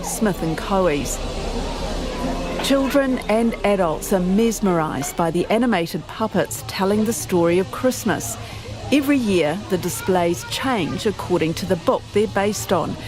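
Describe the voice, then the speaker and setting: Woman reporter. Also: mid-range voice. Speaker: radio reporter and presenter. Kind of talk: scripted narration and interviewing.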